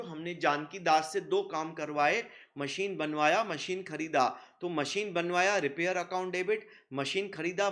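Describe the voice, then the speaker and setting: Guy teaching accounts, kinda high voice, jokey and chatty with the kids. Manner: lively, teasing teacher who voices students' questions himself. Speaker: commerce teacher. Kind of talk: recorded classroom lecture.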